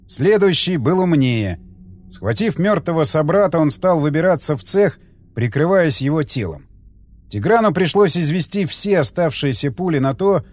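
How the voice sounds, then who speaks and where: A man narrating an audiobook in an expressive, dramatic reading. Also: fairly high pitch.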